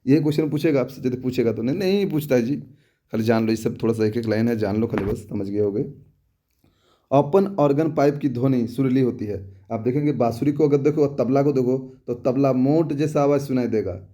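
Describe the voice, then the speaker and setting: A man's voice: medium pitch, fairly quick, dark tone. A young adult man teaching an exam-prep lesson in a casual, repetitive way, often asking if students have understood. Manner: repetitive, asks rhetorical check questions, homely examples.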